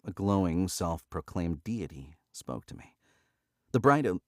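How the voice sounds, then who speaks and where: A low-pitched man with big pitch swings keeps a measured pace, his nose stuffy from allergies. On his livestream he chats in a laid-back way and laughs often, then narrates a novel, fixing his own errors. The studio sound is clean with no room tone.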